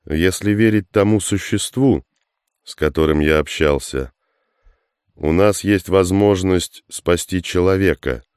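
A man reading the part of a calm, confident armed man in an audiobook. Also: sits low, a little slow, smooth, no room sound, studio quality. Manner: calm and assured.

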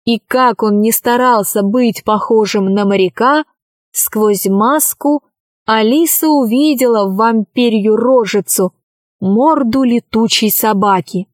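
A woman narrating a children's story in a slow, deliberate storytelling manner. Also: fairly high pitch, no room sound, studio quality.

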